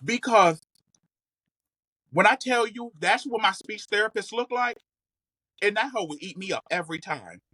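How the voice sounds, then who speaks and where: This podcast guest, a content creator in his thirties, tells stories in a lively, casual chat with a high, bright, pushed voice that is very expressive. He keeps a moderate pace with frequent pauses and the odd slight stutter, and his delivery is sassy, slangy, emphatic and funny, recorded without echo.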